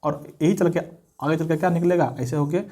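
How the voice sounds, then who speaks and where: A man's voice: a little high, fairly even intonation, fairly quick, mellow. A man teaching biology at a board, asking rhetorical questions, answering them himself and repeating key terms. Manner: repeats key terms, mixes Hindi and English. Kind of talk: blackboard lesson.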